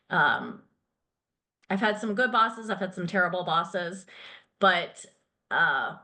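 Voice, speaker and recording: A middle-aged woman who founded a finance company speaks in a lowish, sharp-toned voice as a guest in a casual interview chat. She talks candidly, laughs easily, and uses lots of fillers. She grew up in Thailand and England.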